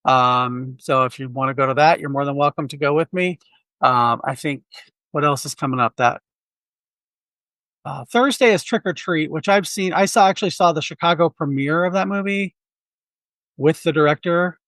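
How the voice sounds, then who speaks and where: A man co-hosts a film podcast from the Quad City area, chatting casually and candidly about movies in a rambling way with many restarts. His voice is fairly high and a bit bright, at a normal speed, with no echo.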